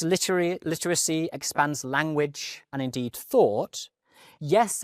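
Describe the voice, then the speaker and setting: A man's voice: on the high side, no room sound, studio quality. A posh man in his late thirties, a donnish, articulate professor delivering a prepared academic lecture with rhetorical flourishes. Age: late 30s. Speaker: university professor giving a lecture.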